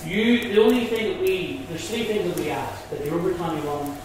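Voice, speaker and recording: A man with a high voice speaks at normal speed in a Belfast accent, a Northern Irish Freemason guide giving visitors casual, blunt explanations. The sound comes from far away in an echoey hall, with noise in the background.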